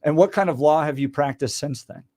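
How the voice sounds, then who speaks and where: A man's voice: on the high side, brisk, mellow. A man hosting a talk radio show, interviewing a studio guest in a friendly, joking manner.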